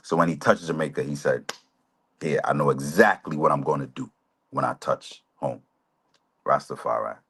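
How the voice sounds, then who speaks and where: A man's voice: a bass voice, moderate pace, creaky, fairly bright tone, slightly rough. A man in his forties earnestly explaining history on a live talk show, often checking in with "right?". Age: 40s. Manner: earnest, lecturing, asks listeners "right?" often. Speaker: guest speaker, chaplain.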